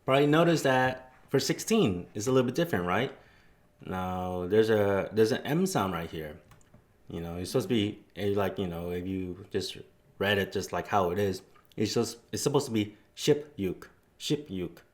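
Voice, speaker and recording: A man's voice: fairly low pitch, animated, normal speed. A man teaching a casual spoken lesson, explaining step by step with loose fillers. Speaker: language teacher.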